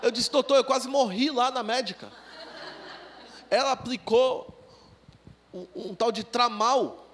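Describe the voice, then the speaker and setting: A Brazilian man preaches in a strikingly high voice, his pitch far above most men's. He tells his story as a lively testimony and acts out the laughing and dialogue. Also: a little slow, pauses often, slight background noise. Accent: Brazilian Portuguese. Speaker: pastor. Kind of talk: sermon with testimony. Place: church service.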